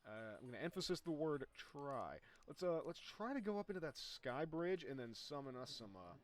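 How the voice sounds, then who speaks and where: A young man casually commenting on his own gameplay, rambling and joking, getting excited at big moments. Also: a little high, brisk. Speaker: gaming YouTuber.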